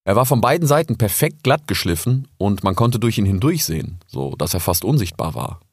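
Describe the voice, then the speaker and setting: A man narrating an animal story audiobook with expressive, lively storytelling. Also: fairly low pitch, fairly quick, slightly rough, no room sound, studio quality.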